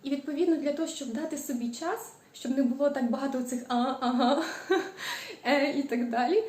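A cooking vlogger chats through a casual home cooking vlog in an echoey kitchen. Her voice sits high and is a little mellow, and she talks fast. She drags out word endings and hesitates with frequent fillers.

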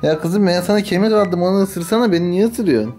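A man's voice: high-pitched, fairly quick, a little mellow, soft background music. A man casually chatting in a home vlog, playful and laughing as he teases and scolds a biting puppy. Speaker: vlogger playing with his new puppy. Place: at home indoors.

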